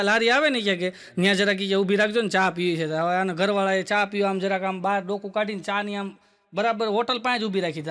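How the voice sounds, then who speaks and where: Stand-up comic, male, chatty storyteller, very high pitch, a sharp, bright tone. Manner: chatty joke-telling, quick quoted dialogue. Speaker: stand-up comedian. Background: audience laughter.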